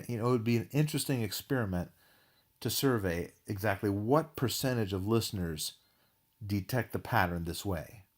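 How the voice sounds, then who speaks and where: A man delivering a recorded music theory lecture in a measured academic manner, reading his analysis with occasional fillers. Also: on the low side, animated.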